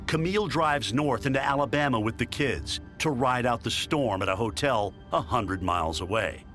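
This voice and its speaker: A man's voice: medium pitch, moderate pace, fairly bright tone. A man giving dramatic scripted narration as the narrator of a documentary. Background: music.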